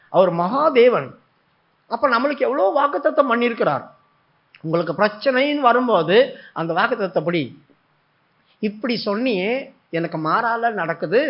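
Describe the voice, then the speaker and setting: A man preaching a sermon, telling a story with feeling and acting out the prayers and the replies of God. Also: very high voice. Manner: animated storytelling, acting out prayers and God's words. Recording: dull lo-fi recording.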